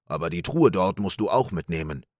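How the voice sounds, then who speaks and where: Male reader playing a gullible boastful farmer for a storybook audiobook, deep gruff voice, dry sound. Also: expressive, brisk, a little mellow, no echo. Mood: gullible eager. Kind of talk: audiobook fairy-tale reading.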